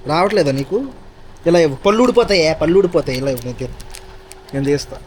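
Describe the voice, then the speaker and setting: A man's voice: fairly high pitch, lively intonation, fast, a little hiss or hum. A man vlogging casually outdoors in a village, teasing and chatting playfully with a small child. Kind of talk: casual daily vlog chatter. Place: outdoors in a village, by water and fields.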